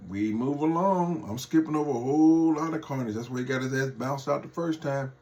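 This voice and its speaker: A man sounding off in a video rant, mocking and full of swearing. His voice sits at an everyday middle pitch as he talks straight at his viewers. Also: fairly quick, dark tone. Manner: heated, mocking and profane. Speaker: political vlogger. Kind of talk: off-the-cuff political rant.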